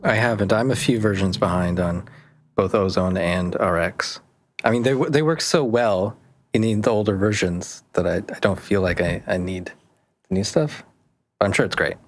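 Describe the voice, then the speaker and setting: A man co-hosting a podcast, answering casually in short, relaxed remarks. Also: on the low side, moderate pace. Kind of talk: casual chat.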